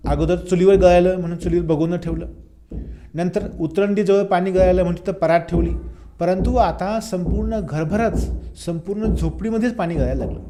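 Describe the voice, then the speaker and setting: A male college teacher lecturing on a poem. He repeats lines slowly and stops to explain dialect words. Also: high voice, mellow.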